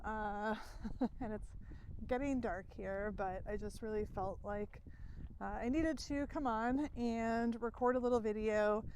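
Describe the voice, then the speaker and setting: A woman's voice: on the high side, steady tone, measured pace, a little mellow, slight background noise. A middle-aged woman coaching in a loose, casual vlog recorded outdoors while walking, a little out of breath, with fillers and small laughs. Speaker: success coach. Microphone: headphone mic, then phone mic.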